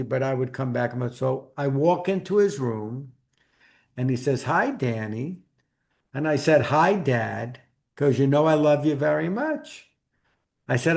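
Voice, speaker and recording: Man, middle-aged, Brooklyn accent, slightly high pitch; interview guest sharing personal stories conversationally. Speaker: guest author.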